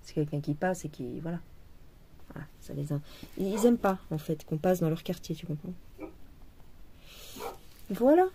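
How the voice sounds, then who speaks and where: Chatty woman with a mellow voice. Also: low voice, brisk, a little hiss or hum. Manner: chatty, playful, puts on a jokey accent. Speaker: cross-stitch vlogger. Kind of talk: casual chat while embroidering.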